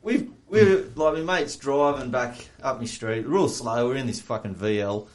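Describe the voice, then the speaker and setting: A man's voice: medium pitch, moderate pace, a loud crowd. An Australian man from Wollongong telling a long rambling story on a podcast, swearing freely and laughing as he goes. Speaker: podcast co-host. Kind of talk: casual storytelling.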